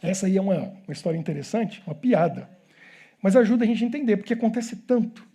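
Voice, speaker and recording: Brazilian preacher, husky and high-pitched, lively storytelling sermon. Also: male voice, fast talker. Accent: Brazilian Portuguese. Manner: animated storytelling with jokes and rhetorical questions. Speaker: pastor. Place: church hall.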